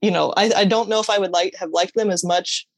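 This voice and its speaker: A woman's voice: mid-range voice, fairly even intonation, fast, no room sound. A woman in the guest seat tells her personal testimony in a candid, earnest way. She stumbles over her words, restarts her sentences and laughs lightly at herself. Her voice sits in a middle range and is recorded dry and close to the mic. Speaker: interview guest. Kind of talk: personal faith testimony in conversation.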